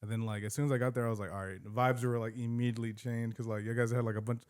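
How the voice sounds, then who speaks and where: A man. He talks quickly in a rambling, laid-back way, packing his sentences with fillers. His pitch sits in the middle for a man. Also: level tone, darkish tone, clean tone. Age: late 20s. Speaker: podcast host. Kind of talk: casual interview chat.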